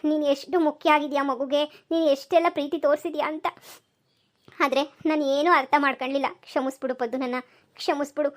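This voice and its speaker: A woman's voice: high-pitched, fairly even intonation, fast talker, natural voice. A woman voicing a remorseful elderly mother-in-law in a cartoon, pleading and blaming herself. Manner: pleading, self-reproaching. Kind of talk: cartoon voice acting.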